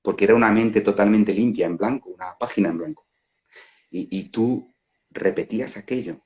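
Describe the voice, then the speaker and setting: Hombre, acento español, voz algo grave, charla espiritual meditada, tono de quien piensa en voz alta. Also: male voice, fairly low pitch, darkish tone. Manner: unhurried, musing, laughs at own examples. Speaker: non-duality facilitator. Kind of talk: reflective spiritual talk. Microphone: phone on a live stream.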